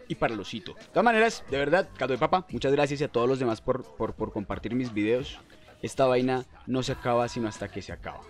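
A young Colombian man streams a game with playful, excitable, slangy talk. His voice sits fairly high and moves in very lively swings. He is close on a desktop mic, with some music in the background. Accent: Colombian Spanish. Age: young adult. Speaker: gaming streamer. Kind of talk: casual game commentary. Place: indoor room at a desk. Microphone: desktop microphone close in front.

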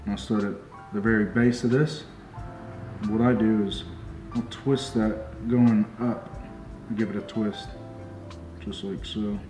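At a small indoor tackle shop workbench, a young fishing deckhand calmly and unhurriedly demonstrates something step by step with his hands, often saying "just like so." His voice sits on the low side, and the recording sounds roomy with music underneath.

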